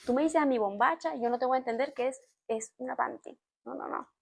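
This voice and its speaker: A woman from Venezuela with a Venezuelan accent, chatting to camera in an expressive, explaining way, with laughs. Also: sits high, quick pace, gravelly. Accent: Venezuelan Spanish. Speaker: vlogger. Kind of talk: casual storytime chat to camera.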